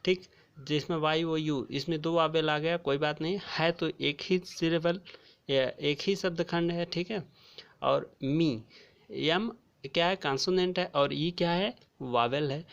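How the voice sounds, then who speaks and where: A man teaching a grammar lesson, speaking slowly and repeating key terms as he addresses his viewers as friends. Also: fairly high pitch, creaky. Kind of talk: classroom lecture explaining grammar. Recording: dull lo-fi recording.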